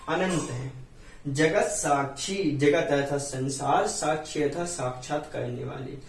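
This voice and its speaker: A man with a Hindi accent teaching a Sanskrit hymn, explaining each word and chanting the verses slowly. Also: fairly high pitch. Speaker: Jain scripture teacher. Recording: roomy echo, distant from mic.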